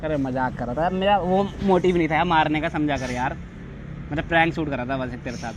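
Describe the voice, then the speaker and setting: A young man talks casually to the camera outdoors, with a slightly high voice. He teases, then coaxes and apologizes in relaxed chat. Clear traffic and street noise sit behind him. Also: quick pace. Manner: teasing, then coaxing and apologetic. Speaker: vlogger pulling a prank. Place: outdoors in a park. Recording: noisy outdoor street ambience.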